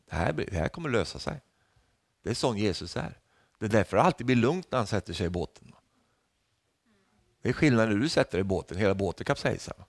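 A man preaching a lively sermon, his pitch swinging widely as he jokes with the congregation. The sound is dry and close, with no room echo. He peppers his lines with questioning tags and rises to loud calls whenever he quotes. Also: vocal fry. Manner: rises to loud calls when quoting Jesus.

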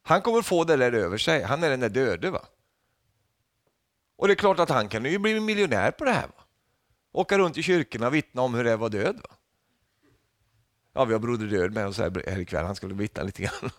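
A man preaching a lively sermon, his pitch swinging widely as he jokes with the congregation. The sound is dry and close, with no room echo. He peppers his lines with questioning tags and rises to loud calls whenever he quotes. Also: long pauses. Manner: rises to loud calls when quoting Jesus.

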